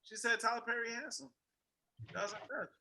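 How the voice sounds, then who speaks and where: A man's voice: very high voice, steady tone, brisk, creaky, sharp tone, a little hiss or hum. A man joking and teasing his friends in a casual group chat. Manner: teasing, jokey banter.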